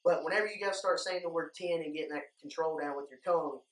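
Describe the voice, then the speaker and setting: A fast-talking young man with a slightly high, somewhat bright voice hosts a how-to video as a duck calling instructor. He keeps it informal and plain-spoken, speaking to viewers as guys. The room is indoors and lined with decoys, and the sound is echoey from a distant microphone.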